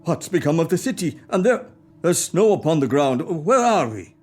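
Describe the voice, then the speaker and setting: A man's voice: a little high, sing-song, moderate pace. A man acting an old miser, Ebenezer Scrooge, in a radio play, with a quavering, stammering delivery. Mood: wistful. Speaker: amateur radio play actor.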